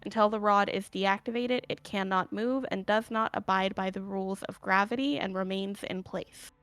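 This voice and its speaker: Bright-voiced woman game master. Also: medium pitch, steady tone, normal speed, smooth, no echo, soft background music. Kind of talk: tabletop game narration and banter.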